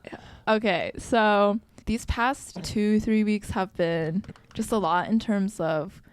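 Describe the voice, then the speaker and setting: A woman's voice: medium pitch, takes it slowly, clear, resonant tone. A young adult woman co-hosting a podcast, chatting casually with lots of "like" fillers and acted-out quotes. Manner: chatty, full of "like" fillers, acts out quoted speech. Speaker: podcast co-host. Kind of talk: casual chat.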